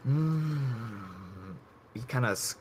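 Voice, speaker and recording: A man narrating a tabletop game as game master, relaxed and chatty, laughing often. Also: medium pitch, very slow, a little hiss or hum.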